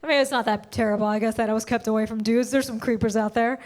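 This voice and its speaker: A young adult woman performing a stand-up comedy set on stage, telling brash stories fast with punchy punchlines. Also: fairly high pitch, steady tone, a little mellow. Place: stage before a live audience.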